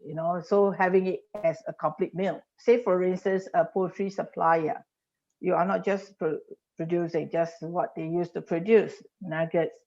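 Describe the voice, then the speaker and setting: Speaking with a warm, fairly low-pitched voice, a woman from Singapore appears as an industry guest on a podcast interview. She explains by piling on examples and restarts often. The audio has a dull, lo-fi quality.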